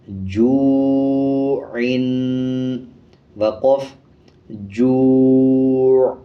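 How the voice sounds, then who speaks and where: A man teaching Quran reading, spelling out syllables very slowly with drawn-out sounds, then explaining the rules more quickly and quietly. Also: mid-range voice. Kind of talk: slow spelling-out lesson with drawn-out recitation. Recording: slightly dull lo-fi sound.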